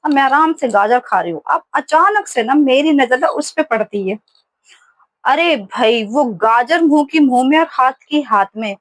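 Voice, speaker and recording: A woman in her thirties chats casually for her home vlog from her kitchen. Her voice sits a little high and sounds close and dry, and she rambles through stories with plenty of fillers. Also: animated, normal speed, no echo. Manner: chatty storytelling with many fillers. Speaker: vlogger.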